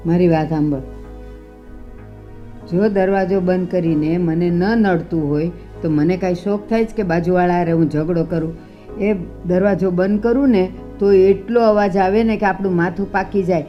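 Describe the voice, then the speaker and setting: A woman's voice: on the low side, normal speed, dull audio, faint music behind, close to an everyday voice. A woman playing a stern, stubborn old mother-in-law. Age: older. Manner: stern, scolding. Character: stubborn older woman quarreling with her neighbour.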